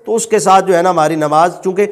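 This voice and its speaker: A man's voice: high-pitched, big-room sound. A male religious teacher, lecturing and repeating his points, asking the listeners questions and then answering them himself. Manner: repeats and explains points patiently.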